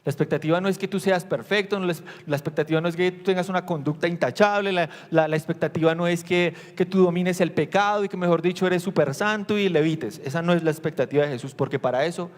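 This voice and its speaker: A male pastor preaching to his congregation in a slightly higher voice, caught on a recording with the long ringing reverb of a church hall. He tells the story with animation, acting out the disciples' lines and putting questions to the congregation. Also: fast talker, few pauses. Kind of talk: sermon.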